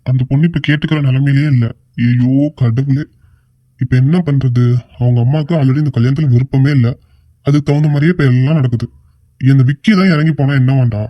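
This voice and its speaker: A man voicing a worried older uncle in a cartoon, talking fast and pleading. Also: medium pitch, fairly even intonation, no echo, lo-fi sound, lightly acted. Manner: fretful, pleading, quick talk. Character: worried older uncle, anxious family elder. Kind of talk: cartoon voice acting.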